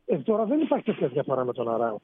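A man, a sports reporter phoning in to a radio show, explaining in an animated way. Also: mid-range voice, slight background noise. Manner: explanatory, animated, rising emphasis. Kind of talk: sports radio phone-in analysis. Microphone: phone. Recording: tinny phone line on radio.

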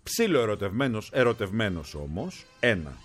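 A man co-hosts a radio show in playful banter, his voice leaping up and down with animated emphasis. He teases his partner and makes big comic points. A faint music bed plays beneath him. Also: husky. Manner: animated, teasing, pitch jumps for emphasis. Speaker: co-host.

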